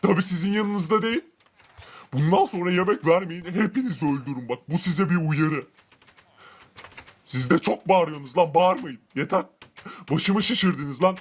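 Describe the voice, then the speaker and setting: A boastful, cruel rich man in a game role-play, voiced by a man, all smug gloating and shouted threats. The voice sits a touch above the usual male pitch. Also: normal speed, long pauses, husky. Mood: furious threatening. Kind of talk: Minecraft role-play commentary.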